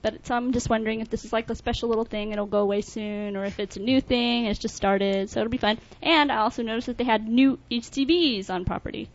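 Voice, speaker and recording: A woman's voice: a little high, steady tone, fast talker, vocal fry, hardly any pauses. A woman co-hosting a podcast, chatting casually and musing aloud. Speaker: podcast co-host. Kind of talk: casual chat. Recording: dull lo-fi podcast audio.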